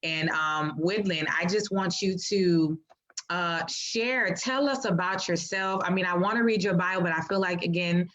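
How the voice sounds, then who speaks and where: A woman hosting a live-stream interview, talking in a lively, informal, chatty way. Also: lowish voice, unhurried. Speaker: host. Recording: dull lo-fi stream audio.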